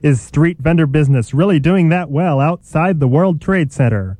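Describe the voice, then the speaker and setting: A man's voice: a little high, animated, moderate pace, mellow, no echo. A man playing a mock-serious announcer, narrating a parody radio serial with dramatic suspense.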